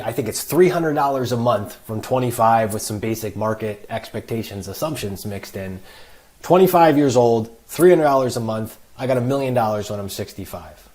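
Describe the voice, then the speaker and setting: A man's voice: medium pitch, a little mellow. A man talking as a financial advisor guest on a podcast, explaining with emphatic worked examples. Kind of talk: podcast conversation.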